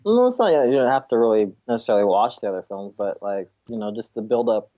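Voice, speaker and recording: A man's voice: on the low side, animated, quick pace, warm tone, dry recording, muffled recording. A man guesting on a casual podcast chat, answering hesitantly with restarts and fillers. His voice sits dry and close, with no room around it. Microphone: computer mic over voice chat.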